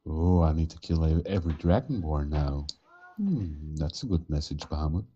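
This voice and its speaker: A man speaking as a player in a tabletop game, musing slowly. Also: extremely low pitch, animated, dark tone, breathy edge, dull audio. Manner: slow, drawn-out musing. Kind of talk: casual in-character play.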